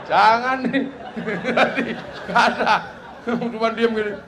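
A man's voice: high-pitched, slow. A man preaching a humorous sermon, telling a story and acting out the dialogue. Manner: animated, joking, acts out dialogue. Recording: echoey hall with crowd noise.

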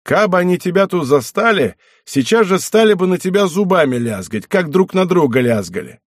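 A boisterous middle-aged nobleman, half drunk, teasing and loud, as a male reader puts him on. His husky voice climbs high and swings about, and the sound is close and dry. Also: sing-song, normal speed, no room sound. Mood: jovial.

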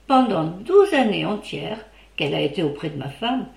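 Woman narrator doing a widowed male master, smooth and persuasive, recorded with a roomy echo; a storybook read aloud. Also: on the low side, big pitch swings, moderate pace, darkish tone. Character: widowed male barber-surgeon, obliging talker.

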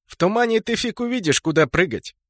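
Man playing a high-pitched cheeky gunner. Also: a little fast, dry recording, clean studio sound. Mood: teasing. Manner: jokey, teasing, lively. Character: wisecracking male gunner, cheerful and cheeky. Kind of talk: fantasy audiobook dialogue.

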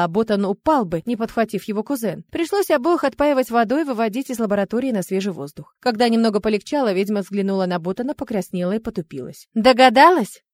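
A woman narrating a fantasy novel aloud as an expressive storyteller. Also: on the high side, no room sound, clean studio sound. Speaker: audiobook narrator.

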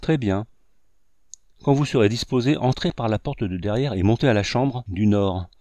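A man voicing an eager girl of about sixteen, higher and louder than his narration. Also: moderate pace, no echo, highs cut off, close to an everyday voice.

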